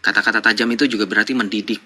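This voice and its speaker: A man's voice: fairly low pitch, little pitch movement, rapid-fire, bright, forceful tone. A man hosting a live online debate, lecturing callers with mocking rhetorical questions. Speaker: live-stream debate host.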